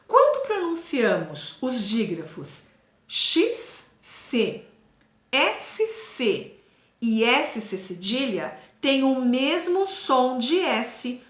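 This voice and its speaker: A woman teaching a primary school class, explaining slowly and carefully and repeating sounds for children. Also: a little high, a bit bright, roomy sound.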